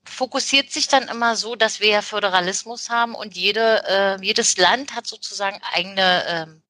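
Measured woman police official, dry sound. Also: mid-range voice, pushed and bright, dry recording. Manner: measured, many fillers and pauses. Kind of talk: interview answers.

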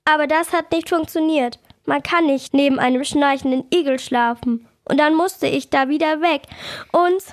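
A tired, anxious little dormouse in a children's audio story frets and whimpers, as a woman acts her out. The voice is high-pitched and recorded dry and close. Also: normal speed, no echo, natural voice. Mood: fretful. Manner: whiny, fretful.

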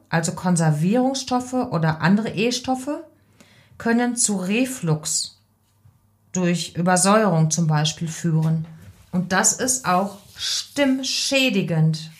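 A woman voice coach giving calm, deliberate advice in an instructional podcast. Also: mid-range voice.

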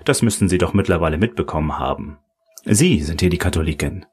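A man voicing an unhurried, sardonic old male professor who talks dryly and mockingly, in an audiobook. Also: deep voice, lively intonation, darkish tone. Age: older. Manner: dry, mocking.

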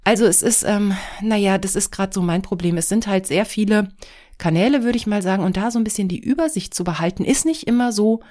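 Talking briskly in a dark, medium-pitched voice, the podcast host, a middle-aged woman with a cold, sounds congested and nasal. Her solo chat is casual and wanders a bit, scattered and self-deprecating.

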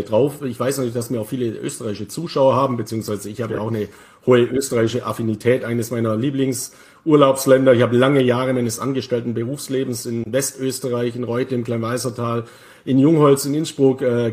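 A man hosting a finance talk show lays out tax matters in an even, considered way. He often stops, restarts and fills gaps with hesitations as he thinks aloud. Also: mid-range voice. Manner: measured, with many fillers and restarts. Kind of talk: casual discussion commentary.

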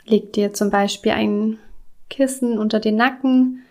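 Woman meditation guide, slow and calm, slightly high voice, soft whispered phrases. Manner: slow, soothing, with soft breathy whispered words. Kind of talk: guided body scan meditation.

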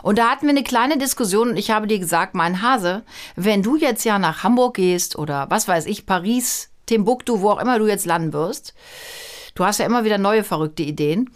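A woman's voice: medium pitch, a little fast. A woman in casual chat, a mother who tells stories and teases in playful back-and-forth banter. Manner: teasing, lively storytelling. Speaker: podcast host, mother.

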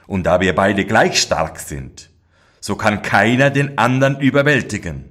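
A man's voice: on the low side, animated, a little slow, fairly bright tone. A man voicing two quarrelling giants in a storybook fairy tale, blunt and simple. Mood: quarrelsome.

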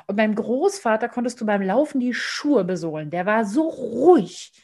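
A woman speaking as a parenting expert guest in an interview, talking in a lively way and acting out scenes. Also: fairly high pitch, normal speed. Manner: lively, acts out scenes and sounds. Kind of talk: conversational interview.

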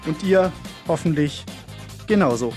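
A man's voice: on the high side, expressive, a little slow, over loud music. A young man co-hosting a casual radio show, talking with many fillers and a wry, self-mocking manner. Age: young adult. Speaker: radio co-host.

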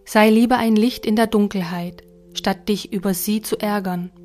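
A woman voicing a patient, smiling God who explains things calmly and gently, with faint music behind. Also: mid-range voice, normal speed, close to an everyday voice. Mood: gentle.

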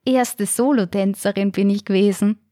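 A woman voicing a cheerful elderly former ballerina with a high, fluttery voice. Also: steady tone, moderate pace, dark tone, no echo, studio quality, natural voice.

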